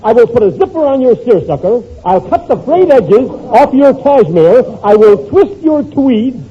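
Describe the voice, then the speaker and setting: An actor playing a pompous, irritable bald professor of fashion in 1940s radio comedy, with florid vocabulary. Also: male voice, very high voice, big pitch swings, normal speed. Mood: pompous, eager. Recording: muffled old radio recording, faint noise.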